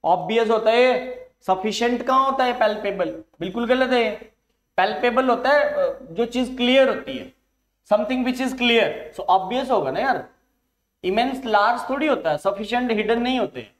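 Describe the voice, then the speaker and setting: A man with a fairly high voice runs a live online exam-prep lesson, mixing two languages as he goes. He coaxes his students along, calling them "beta", and stretches each English phrase out slowly. The room around him sounds roomy and echoey. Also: lively intonation.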